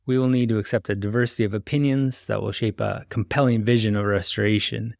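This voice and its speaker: Male podcast host, gravelly voice, dry close sound, measured scripted intro. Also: medium pitch, no room sound. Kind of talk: scripted narration.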